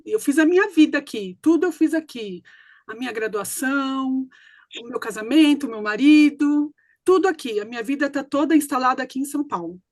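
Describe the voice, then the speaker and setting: A woman in her fifties, introducing herself on a video call in a measured way with hesitant fillers. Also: sits high, lively intonation, darkish tone, no room sound, studio quality. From born in Recife, raised in a family from Rio Grande do Sul. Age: 50s. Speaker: workshop participant.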